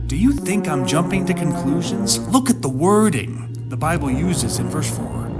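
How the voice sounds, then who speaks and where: A man with a high-sitting voice hosts a Bible podcast, reading scripture and delivering dramatic scripted commentary full of emphatic repetition, rhetorical questions and deliberate pauses. Music plays beneath his voice.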